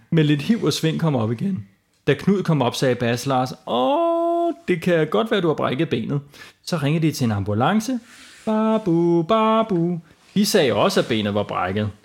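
A man improvising a playful children's bedtime story as host, with lively narration. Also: a little high.

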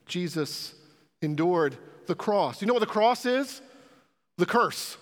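Male pastor, slow earnest sermon delivery, voice a bit high, church reverb. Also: expressive. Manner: earnest, pleading questions to the congregation. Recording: reverberant hall.

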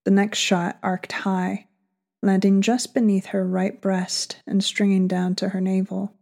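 A woman author reading her erotic story aloud slowly and sultrily, sometimes dropping into a breathy whisper. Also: mid-range voice, little pitch movement, darkish tone. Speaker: author and co-host.

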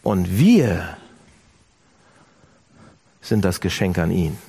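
Animated, husky preacher man. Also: low voice, drawn-out words. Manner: animated, addresses listeners directly. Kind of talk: sermon.

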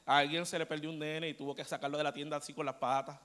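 Animated preacher in a hall. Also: male voice, fairly high pitch, fast talker. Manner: animated storyteller, asks the congregation "¿verdad?". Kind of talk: storytelling sermon. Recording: long church hall reverb.

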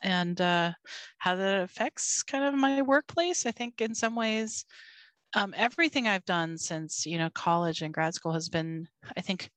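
A woman's voice: lowish voice, measured pace, a bit bright, no room sound. A woman from Argentina and the United States, a podcast guest talking in a thoughtful, searching way. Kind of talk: casual conversation.

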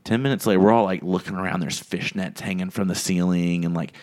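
A podcast host with a low-pitched voice and quick pace spins a lengthy anecdote during casual conversation, animatedly acting out the people in his story.

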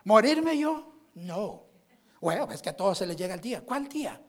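A man's voice: sits high, lively intonation, very fast, husky. A male pastor preaching a fervent sermon, constantly calling out amen and addressing the brothers. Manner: fervent, sprinkles amén and hermanos constantly.

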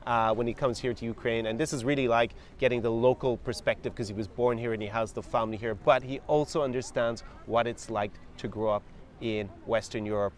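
A man's voice: mid-range voice, steady tone, brisk. A man hosting a video podcast, introducing his guest in an upbeat, eager way. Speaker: podcast host. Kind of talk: casual interview introduction.

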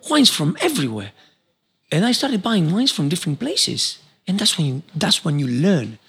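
A man's voice: sits high, vocal fry, fairly bright tone, husky. A man from Argentina, a podcast guest, talking passionately and urging listeners to try new things, often repeating words as he goes. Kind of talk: casual interview chat.

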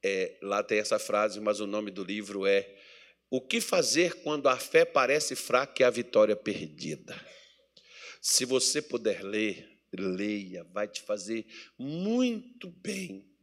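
Bright-voiced Brazilian pastor preaching. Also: male voice, on the low side, measured pace. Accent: Brazilian Portuguese. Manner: swings between loud preaching and quiet asides, voices imagined dialogue. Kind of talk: sermon. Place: church meeting hall.

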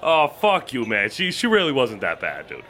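A man's voice: mid-range voice, wildly swooping pitch, normal speed, bright, forceful tone, full character voice. A man playing a crude, grumpy drinking hero. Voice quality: crude, swearing, sarcastic. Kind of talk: amateur audio drama acting.

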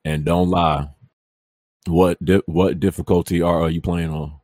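A man guesting on a gaming podcast with a very low voice, recorded close and dry. He sounds laid-back, hesitates here and there, and ribs the hosts. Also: level tone, measured pace, a little mellow, dry recording. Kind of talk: casual gaming podcast chat.

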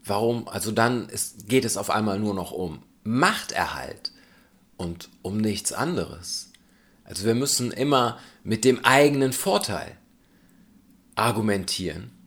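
Man, reflective spoken essay, argumentative, low-pitched, animated intonation. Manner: thoughtful, argumentative, questioning.

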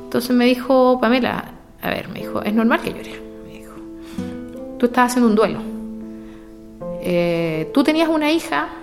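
A woman's voice: fairly high pitch, normal speed, pauses often. A middle-aged woman with a Chilean accent, telling a personal story with feeling and acting out whole conversations. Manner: emotional, retells dialogue at length. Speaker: interviewee. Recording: clear music playing behind.

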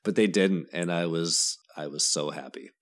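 Male podcast guest, lowish voice, rambling and fond, quick to apologize. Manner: rambling, fond, self-deprecating. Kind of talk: casual podcast chat about a movie.

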